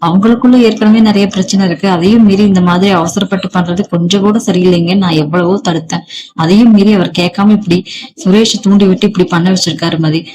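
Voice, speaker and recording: A storyteller reading the lines of a gentle middle-aged wife who talks softly, apologizing and pleading. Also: mid-range voice, steady tone, fast, a crowd in the background, lightly acted, low-quality recording. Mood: apologetic.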